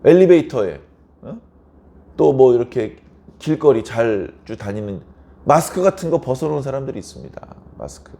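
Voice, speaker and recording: A male pastor delivering an early-morning sermon in a warm, mellow voice whose pitch swings widely. He keeps it conversational and throws rhetorical questions at the pews. He slips into short, lively acted-out quarrels to make his point. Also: moderate pace, creaky.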